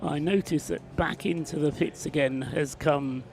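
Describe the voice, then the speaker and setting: Male race commentator, gravelly and fairly high, chatty, lots of fillers. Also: unhurried, a little hiss or hum. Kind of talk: live race broadcast commentary.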